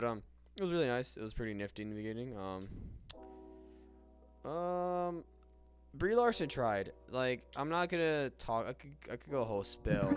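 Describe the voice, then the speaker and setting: A young man talking through a casual movie review, stalling on fillers and restarting his sentences as he hunts for an opinion. His voice sits at an ordinary middle pitch. Lo-fi music plays clearly underneath. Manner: hesitant, full of ums and restarts. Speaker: co-host.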